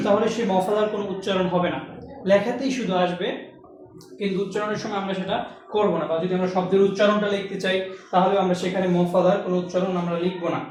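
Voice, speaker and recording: A man's voice: sits high, fairly even intonation, quick pace, slight background noise. A man teaching a language lesson to students, explaining step by step and asking and answering his own questions. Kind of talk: classroom lesson. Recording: echoey room recorded from a distance.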